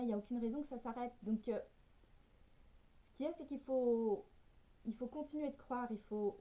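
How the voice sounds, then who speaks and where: On poor audio, a French woman who works as a writer and personal development coach chats in a casual vlog. Her voice is warm and fairly high, and she speaks hesitantly, tripping over words and laughing occasionally.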